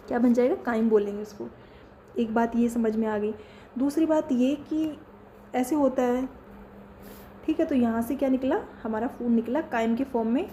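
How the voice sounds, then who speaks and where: A woman's voice: a little high, warm tone, slight background noise. A woman teaching a lesson, who keeps asking questions and answering them herself. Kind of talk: classroom lesson.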